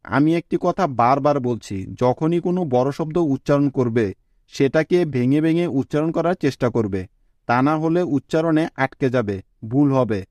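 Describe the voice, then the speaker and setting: A man giving a scripted spoken lesson as an English teacher, slowly spelling out letters and syllables. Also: mid-range voice, a little mellow, dry recording.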